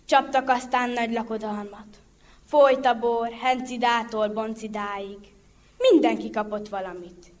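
A woman narrating a Hungarian-style folk tale in a lively, rhythmic storytelling manner. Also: fairly high pitch.

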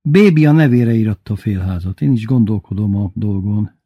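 A man reading a first-person story aloud in measured, unhurried narration. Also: on the low side, expressive, breathy edge, dry recording, lo-fi sound. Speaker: audiobook reader.

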